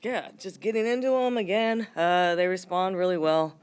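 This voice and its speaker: A woman head coach answering post-game press questions, her voice hoarse from yelling, speaking candidly with lots of fillers. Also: lowish voice, fairly even intonation, normal speed. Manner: candid, rambling with frequent fillers.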